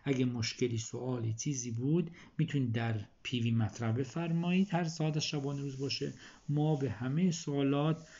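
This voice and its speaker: A male teacher gives a recorded vocabulary lesson, slowly saying each word and then explaining it, in a voice of middle pitch. The recording sounds a little dull and lo-fi. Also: fairly even intonation, mellow. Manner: slow, repeats each word then translates. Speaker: English teacher.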